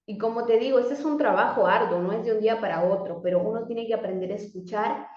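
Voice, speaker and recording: Speaking quickly in a fairly high voice, a woman life coach delivers a motivational talk, frequently addressing questions to herself by name amid numerous restarts and fillers. The recording sounds dull, with echo from the room.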